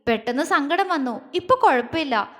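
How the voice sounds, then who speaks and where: A woman's voice: high-pitched, expressive, moderate pace, a bit bright. A woman playing a shy, tearful young bride. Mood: soft. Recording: long reverb.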